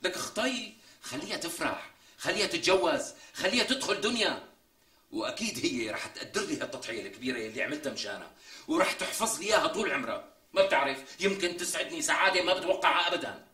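A man's voice: a little high, very animated, sharp tone, echoey room. An actor playing a melodramatic, boastful man in a TV comedy sketch, talking in a theatrical, exaggerated way. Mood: earnest. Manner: theatrical, exaggerated, drawn-out emphasis. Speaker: comic sketch character.

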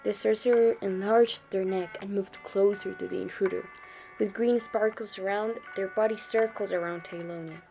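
A young adult woman reading a short story aloud in a steady storytelling manner, softening her voice for quoted lines. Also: medium pitch, moderate pace, vocal fry, soft background music. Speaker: student reader.

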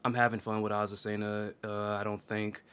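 A man's voice: lowish voice, monotone, a little fast, a bit bright, smooth. A man hosting a casual chat about fighting games, rambling with lots of fillers and laughing often. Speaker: podcast host.

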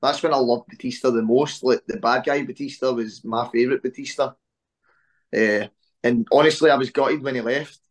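A Scottish man in his early twenties, a guest speaking casually over a video call, relaxed with lots of "eh" fillers. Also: medium pitch, moderate pace. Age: 20s. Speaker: interview guest, wrestler. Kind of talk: casual interview chat. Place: small room at home on a video call.

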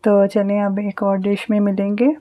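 A woman hosting her cooking channel, calmly explaining each step of a recipe as she cooks in her home kitchen. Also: medium pitch, moderate pace, highs cut off.

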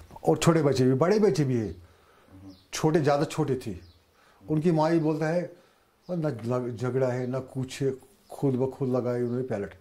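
An older Kashmiri man in his seventies speaks in a mellow, warm tone at a middling pitch. His talk is halting and plain, full of short repeated phrases as he recounts events for a news interview. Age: 70s. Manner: halting, repetitive, plain-spoken. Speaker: shopkeeper telling of his injury.

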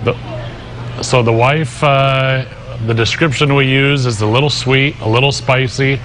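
Easygoing man over clear background noise. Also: mid-range voice, steady tone, unhurried, a bit bright. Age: middle-aged. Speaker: restaurant representative, interview guest. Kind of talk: casual promotional interview. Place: sports bar, remote link. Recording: noisy busy sports bar ambience.

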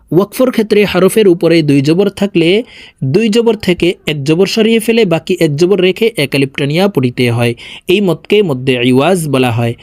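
Man, Quran reading teacher, high voice, slow drawn-out spelling, dry sound. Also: no echo. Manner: slow, drawn-out syllable-by-syllable spelling with melodic recitation. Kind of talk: spelling out and chanting verses.

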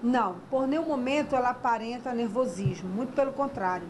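A woman's voice: on the high side, brisk, background noise. A woman police investigator recounting an arrest to a reporter, hesitant and searching for words.

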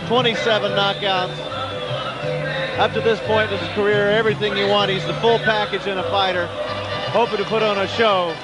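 A man's voice: high voice, fairly even intonation, normal speed, low-quality recording. A man calling boxing live on television as play-by-play commentator, projecting in punchy phrases. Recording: very loud music and crowd.

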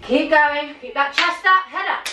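A woman's voice: sits high, a little slow, noisy background. A young adult woman leading a home workout as a fitness coach, urging people on in short, commanding, motivating calls and countdowns. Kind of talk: workout instruction with countdowns and cheering on. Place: small home living and dining room. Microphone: camera a few metres away. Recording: roomy, distant mic, music underneath.

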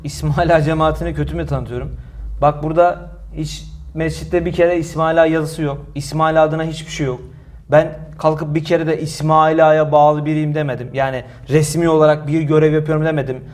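A young man preaching in a mosque, answering a critic forcefully, with many rhetorical questions and repeated phrases. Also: a little high, flat delivery, a little fast. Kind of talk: heated religious talk, defensive.

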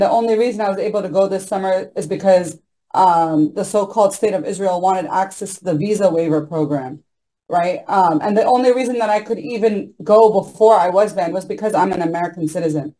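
Her voice is warm, mid-range and brisk, captured poorly by a laptop microphone during a video call. A young panelist in a small room, she argues earnestly and insistently, peppering her impassioned talk with ums and you-knows.

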